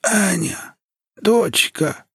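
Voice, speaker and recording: A man voicing a feverish, frail old grandmother who pleads slowly in a weak, wheezing voice. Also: sits high, creaky, a bit bright, slightly rough, no echo, studio quality, pitched above the performer's own voice, exaggerated voice. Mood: feeble, pleading. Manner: slow drawn-out pleading.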